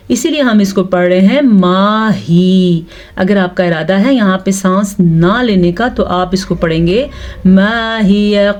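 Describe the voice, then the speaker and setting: A woman teaching Quran recitation step by step. She spells out letters and vowel marks syllable by syllable, and she chants the verses slowly. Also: medium pitch, darkish tone. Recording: dull lo-fi recording.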